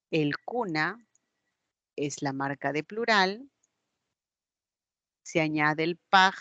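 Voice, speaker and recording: A woman's voice: deep voice, a bit bright, no echo. A woman with a Peruvian Spanish accent teaching a recorded class, patiently explaining step by step with examples. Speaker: language teacher. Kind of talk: recorded online class lecture.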